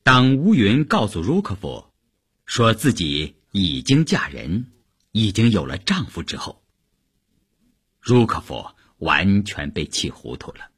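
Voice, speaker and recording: A male narrator reads a novel aloud, his voice strongly husky and full of breath. His pitch rises and falls over a very wide span, giving the reading a vivid, dramatic shape. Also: slow pace. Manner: expressive, dramatic. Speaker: audiobook narrator.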